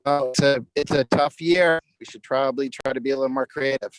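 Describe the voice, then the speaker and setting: A man's voice: medium pitch, fairly even intonation, brisk, no room sound, poor audio. Man on a breaking-up video call. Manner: earnest, repeats words when pressed. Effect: video call audio with a connection breaking up. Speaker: town meeting participant. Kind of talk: public meeting discussion.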